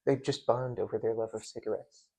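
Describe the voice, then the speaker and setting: A man who is a guest on a casual podcast, speaking haltingly with restarts and dry jokes. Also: mid-range voice, fairly even intonation, warm tone. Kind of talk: casual chat.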